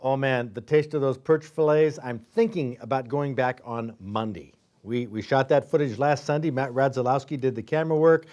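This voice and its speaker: An American man with a mellow, relaxed voice at a middling pitch narrates an outdoor fishing feature. He sounds like a folksy reporter, reading his script as if chatting with viewers. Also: moderate pace, hardly any pauses. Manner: folksy, conversational.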